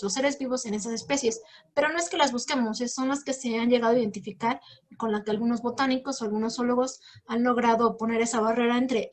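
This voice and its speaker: A woman giving an academic talk and answering questions, explaining patiently with frequent fillers. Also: a little high. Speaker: guest lecturer.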